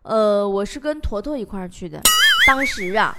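Telling scripted comic stories, a young Northeastern Chinese woman hosting a comedy show laughs along at her own jokes in her local accent. She speaks at a normal speed in an animated mid-range voice, though the recording is very noisy.

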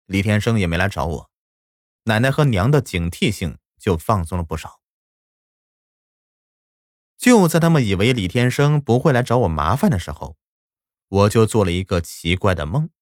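A man narrating a first-person story in a lively, animated way. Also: lowish voice, moderate pace, long pauses, no echo, clean studio sound.

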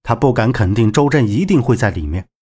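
A man narrating a novel as an audiobook in an expressive storytelling manner. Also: medium pitch, brisk, slightly rough.

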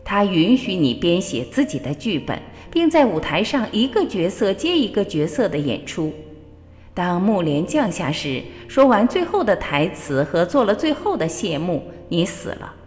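A woman radio host giving a measured, expressive spiritual reading with storytelling. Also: fairly low pitch. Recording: long reverb with faint background music. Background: faint music.

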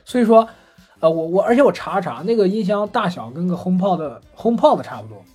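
A man co-hosting a casual podcast chat, telling anecdotes in a lively, chatty way. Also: sits high, fast talker, breathy edge, faint music behind. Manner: chatty storyteller, animated retelling of anecdotes. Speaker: podcast co-host. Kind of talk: casual chat about gadgets.

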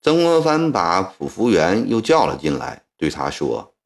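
A male storyteller narrating a historical tale with expressive, dramatic delivery. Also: deep voice, a little slow, vocal fry.

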